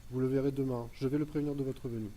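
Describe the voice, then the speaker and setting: A polite, formal village chief in a fantasy game, voiced by a man. He speaks at an ordinary pitch, and his voice comes from some distance, with faint noise in the mix. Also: steady tone, racing, mellow, lightly acted. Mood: welcoming. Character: courteous village chief, middle-aged man.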